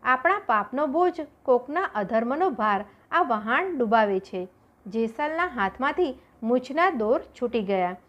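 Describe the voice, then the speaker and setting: A woman narrating a story aloud in an expressive, dramatic storytelling manner. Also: on the high side, unhurried, highs cut off. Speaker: audiobook reader.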